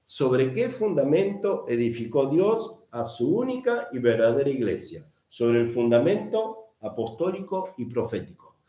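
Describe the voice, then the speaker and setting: A man's voice: mid-range voice, very animated, a little slow, hardly any pauses, warm tone. A man preaching a sermon, emphatic, repeating phrases and answering his own questions. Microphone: camera mic. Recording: echoey room.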